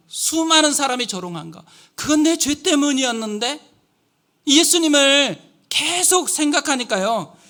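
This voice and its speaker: A man preaching a sermon as a guest pastor in a church, telling a personal story in a lively way and asking the congregation questions. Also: very high-pitched. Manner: storytelling, vivid and animated, asks the congregation questions. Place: church sanctuary.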